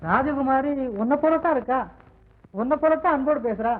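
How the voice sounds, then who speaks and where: A man's voice: very high voice, fairly quick. An eager young son coaxes his mother in a cheerful, pleading way. His voice comes through a tinny, phone-narrow old film soundtrack. The delivery is classic 1940s screen acting. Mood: coaxing.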